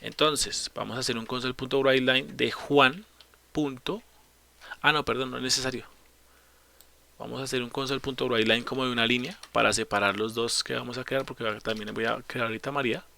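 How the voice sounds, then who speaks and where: A man leads a coding tutorial in a bright, clear voice, explaining each step patiently. He asks rhetorical questions and answers them himself, and fixes his small slips on the fly. Keyboard typing can be heard in the background. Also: mid-range voice, fairly even intonation, fairly quick, slight background noise. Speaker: programming teacher. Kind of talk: screen-recorded coding tutorial.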